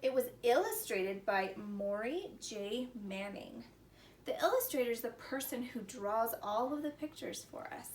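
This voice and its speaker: Her voice sits on the higher side, a little slow but lively in intonation, as she runs a children's story time and lesson with easy questions in a sing-song teacher style. Faint noise and a roomy, far-off mic color the audio.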